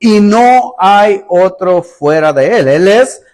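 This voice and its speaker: A man's voice: sits high, animated, takes it slowly, darkish tone. A male pastor preaching a sermon in an emphatic style, acting out sarcastic rhetorical questions.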